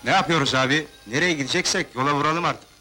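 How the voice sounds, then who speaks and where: An actor playing an impatient, mouthy taxi driver in film dialogue, brash, colloquial and complaining. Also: male voice, fairly high pitch, fast talker, music in the background, lightly acted. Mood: impatient, mocking.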